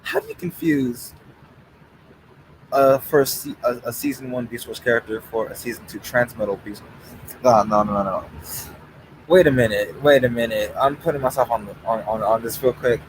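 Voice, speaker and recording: A man's voice: medium pitch, expressive, moderate pace, noisy background. A man chatting casually on a live stream, reading out chat and arguing back with profanity and laughter. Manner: reads out chat, argues, swears, laughs.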